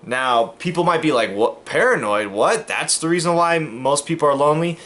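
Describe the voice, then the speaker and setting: A man's voice: a little high, normal speed, a bit bright. A man from the United States talking casually to camera as a vlogger, rambling and emphatic, with many fillers and restarts. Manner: earnest, emphatic.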